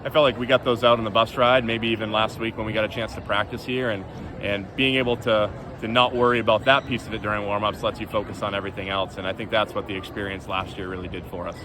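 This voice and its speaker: Fast-talking man, coach in an interview. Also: lowish voice, flat delivery, crowd noise. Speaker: basketball coach giving a postgame interview. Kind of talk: postgame interview, casual talk.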